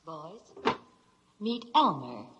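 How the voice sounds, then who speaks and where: A woman's voice: low-pitched, very animated, drawn-out words, long reverb tail, dull audio, heavy background noise, full character voice. An actress playing a female spaceship computer in an old radio drama, dramatic and scornful in a mock-romantic way. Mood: infatuated. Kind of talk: 1950s radio drama acting.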